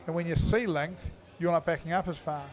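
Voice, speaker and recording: A man giving live commentary on an indoor cricket match, chatty and full of fillers, now and then breaking into loud greetings to viewers. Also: a little high, brisk.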